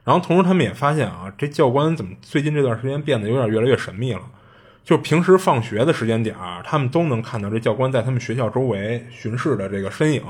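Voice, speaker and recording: Podcast host, male, husky voice, rapid conversational storytelling. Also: medium pitch. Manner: chatty, animated retelling with frequent fillers. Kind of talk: casual storytelling.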